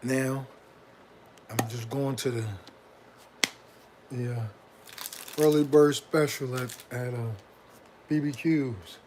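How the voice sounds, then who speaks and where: A man's voice: mid-range voice, fairly even intonation, slow pace, pauses often, noisy background. A middle-aged man from Brooklyn with a New York accent, an independent hip hop artist chatting casually on a livestream in a slangy, rambling way outdoors. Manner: slangy, rambling, keeps asking "you know what I'm saying". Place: outdoors near a bridge.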